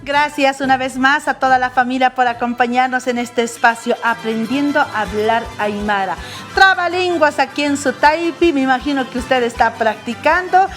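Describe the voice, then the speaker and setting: A woman TV presenter, leading an animated live segment and calling out phrases for viewers to repeat. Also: high voice, normal speed, faint music behind. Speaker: TV presenter teaching Aymara. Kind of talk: live TV segment, lively teaching.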